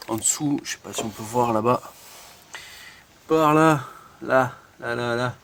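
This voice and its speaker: A man's voice: medium pitch, measured pace, gravelly, a bit bright, slight background noise. A man casually showing off his car in a garage, hesitant and full of fillers as he points out parts. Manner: chatty, hesitant with many fillers, pointing things out.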